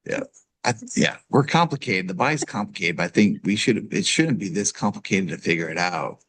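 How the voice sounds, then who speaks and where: A man's voice: low-pitched, expressive, brisk, a bit bright, breathy edge. A middle-aged man chatting casually as a guest, telling jokey stories and acting out the voices of the people in them. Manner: jokey, storytelling, acts out quoted voices. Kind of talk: casual chat.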